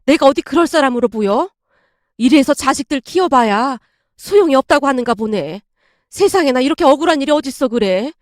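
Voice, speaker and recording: A woman's voice: high-pitched, animated, fairly quick, no room sound, clean studio sound. A woman voicing a widowed grandmother over 60 in a storybook drama, protesting with bewildered indignation. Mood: bewildered indignant.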